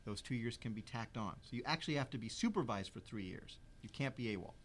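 A man explaining legal rules in an interview, measured and precise, stressing key words. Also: medium pitch, lively intonation, slight background noise. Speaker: legal expert guest.

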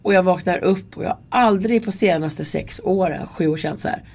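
A woman who works in subway security is an interview guest, telling stories in a casual, candid and earnest way and acting out quoted dialogue. Her voice is on the low side, husky and a little mellow.

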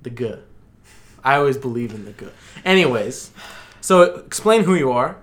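A young man hosts a podcast in loose, casual chat, teasing his guest with playful questions. His voice sits at an ordinary middle pitch. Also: animated, normal speed, a bit bright. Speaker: podcast co-host.

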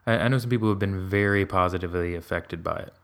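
A man with a very deep voice speaks candidly in a relaxed conversation. He rambles, restarting sentences and leaning on fillers as he works through his thoughts. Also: fast. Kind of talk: casual podcast conversation.

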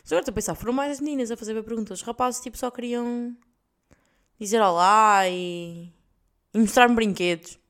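A woman's voice: fairly high pitch, a little fast, fairly bright tone. A young adult woman with a European Portuguese accent, hosting a podcast and telling a story in casual chat, laughing often and swearing freely in slangy speech. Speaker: podcast host.

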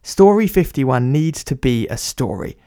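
A man's voice: medium pitch, big pitch swings, unhurried, mellow, no echo, clean studio sound. A man telling a comic audio story, talking in a pompous, flustered and hesitant way as the writer. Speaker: podcast writer and narrator.

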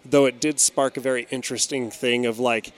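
A man's voice: mid-range voice, steady tone, a little fast. A man hosting a casual podcast panel, putting questions to his guests in a playful, lightly wry way. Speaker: podcast host. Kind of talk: casual review chat.

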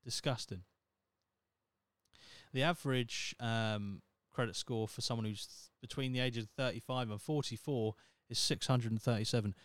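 This casual solo podcast features its thirty-year-old male host rambling in a wry, self-mocking style, swearing often. His medium-pitched voice has fairly even intonation and normal speed, with no echo.

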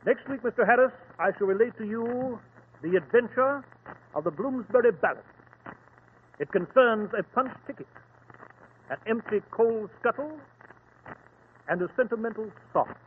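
A man's voice: very high voice, animated, moderate pace, long pauses. An actor playing an earnest, inquisitive male doctor and companion to a detective, in 1940s radio acting. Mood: storytelling. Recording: tinny old radio with faint hiss.

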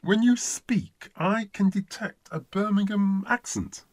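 A man's voice: sits high, slow, no echo, studio quality. A man from Essex, an accent coach in a comedy sketch interview, talking in a pompous, self-important way. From Essex, England.

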